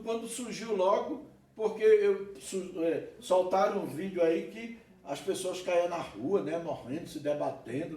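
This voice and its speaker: A man with a Brazilian Portuguese accent, a pastor preaching an animated sermon with laughter and asides. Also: high-pitched, slight background noise. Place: church hall. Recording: echoey church hall, mic at a distance.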